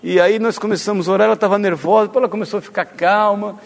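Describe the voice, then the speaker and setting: A man preaching a sermon with a notably high voice. He speaks earnestly to his congregation and now and then stumbles and restarts a word. His voice rings out with a long echo through a large church hall. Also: steady tone, quick pace, gravelly. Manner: earnest, addresses congregation directly, stumbles on words. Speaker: pastor.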